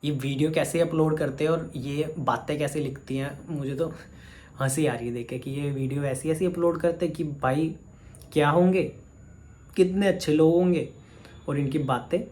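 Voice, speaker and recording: A man's voice: a little high, fairly even intonation, moderate pace, darkish tone, a little hiss or hum. Man scolding a commenter straight to camera. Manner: scolding, addresses a commenter directly. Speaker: vlogger. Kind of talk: heated direct-to-camera rant.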